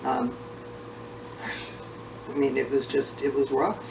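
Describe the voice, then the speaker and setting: A man who is short of breath, talking casually and haltingly with frequent pauses as he recalls family history in an oral history interview. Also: mid-range voice, completely flat delivery, gravelly, a little mellow. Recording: roomy, distant mic, faint background noise.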